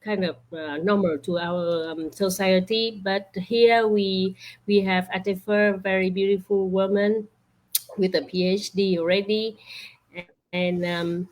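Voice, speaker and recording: Slow halting woman host from vietnam on a video call, lots of ums. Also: medium pitch, steady tone, a little mellow. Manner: slow, halting, many fillers. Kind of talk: online interview introduction.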